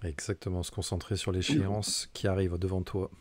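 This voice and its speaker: Male co-host, slightly low voice, relaxed conversational delivery for a casual question-and-answer livestream. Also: fairly quick. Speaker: co-host reading out viewer questions.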